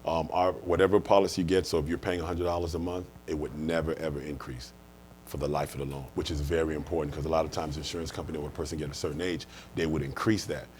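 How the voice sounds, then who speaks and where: A man's voice: a bass voice, little pitch movement, fast talker, a little mellow, slight background noise. A man from the United States explaining things earnestly in an interview, restating his points as he goes. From United States, born and raised. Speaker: life insurance manager, interview guest. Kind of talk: conversational interview answers, explaining.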